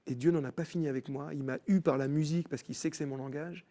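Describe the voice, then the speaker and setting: A man telling his personal faith story as a TV guest, in an animated storytelling manner with many restarts. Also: a little high, fast. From France. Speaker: guest musician. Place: TV studio.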